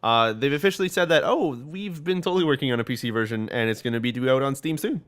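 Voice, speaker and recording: A man's voice: medium pitch, fast talker, fairly bright tone, clear, resonant tone. A man hosting a casual gaming podcast, reading out news in a rambling, swear-filled way and stumbling over game names.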